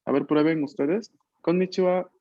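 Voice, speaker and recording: A man's voice: medium pitch, steady tone, moderate pace, creaky, no echo, dull audio. A male language teacher running an online Japanese class in Spanish, explaining patiently and checking in with tag questions. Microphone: video call.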